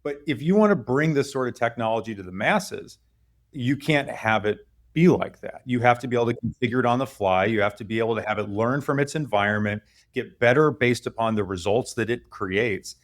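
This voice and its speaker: A man's voice: medium pitch, fairly quick. A man speaking as a guest head of product, explaining fluently and checking in with "right?". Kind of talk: interview explanation.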